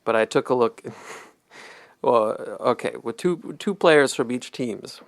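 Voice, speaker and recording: A man's voice: mid-range voice, animated, a little slow, no echo. A man co-hosting a sports podcast, chatting casually, rambling and chuckling at his own stat jokes. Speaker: podcast co-host.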